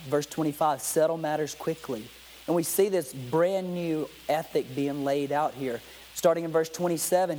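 A pastor preaching to a congregation in a slightly high voice. He reads scripture aloud and talks plainly with his listeners, stopping to ask them questions. A faint hiss sits under the recording. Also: a little mellow, rough recording. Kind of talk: sermon.

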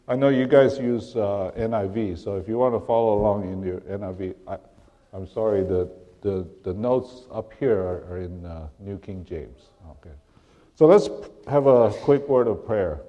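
A middle-aged man from Taiwan, preaching a sermon as a guest preacher. He speaks haltingly, restarts often and clears his throat now and then. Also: on the low side, highs cut off.

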